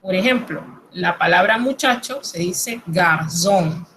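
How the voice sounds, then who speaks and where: A woman's voice: fairly high pitch, a little slow, a bit bright, a little hiss or hum, poor audio. A woman teaching French pronunciation in Spanish, patient and reassuring as she explains each sound step by step. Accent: Latin American Spanish. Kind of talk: recorded lesson explaining pronunciation.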